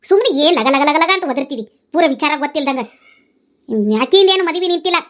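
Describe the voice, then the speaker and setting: A woman's voice: extremely high pitch, fast, fairly bright tone. A woman voicing a pregnant young wife in a cartoon, defending herself to her mother in a North Karnataka Kannada accent. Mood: defensive. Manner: defensive, pleading, explaining.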